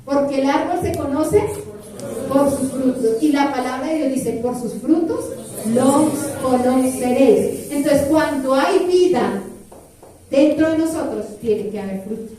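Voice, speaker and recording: A middle-aged woman preaching a sermon in a lively way, with playful asides and lists that she half sings. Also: sits high, unhurried, crowd noise. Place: church hall. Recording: very echoey hall, far from mic.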